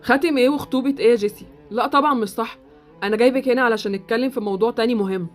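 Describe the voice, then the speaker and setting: A woman's voice: fairly high pitch, rapid-fire, soft background music, close to an everyday voice. A woman with an Egyptian accent voicing Sultan, a blunt, awkward boy in a Roblox roleplay series. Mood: brusque.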